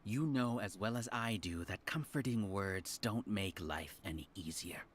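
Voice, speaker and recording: Grandiose, theatrical cult-leader villain. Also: male voice, fairly low pitch, expressive, measured pace, background noise. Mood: cold, menacing. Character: arrogant, zealous male researcher leading a hive-mind cult. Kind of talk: video game voice acting.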